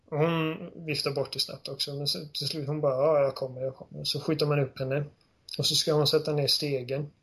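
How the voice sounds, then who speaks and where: A man's voice: a little high, level tone, sharp tone, slightly rough. A man casually discussing a video game, retelling its scenes with lots of enthusiasm and fillers.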